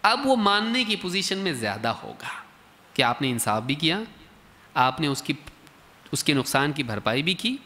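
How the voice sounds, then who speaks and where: A man giving a colloquial, lively religious workshop talk, acting out exchanges between parents and children. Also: fairly high pitch, moderate pace. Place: large mosque hall, indoors. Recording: reverberant mosque hall.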